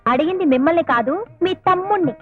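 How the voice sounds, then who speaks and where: Brief: a brisk, bossy woman, quick and high-pitched, with film music behind. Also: lively intonation. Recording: dull film soundtrack with music.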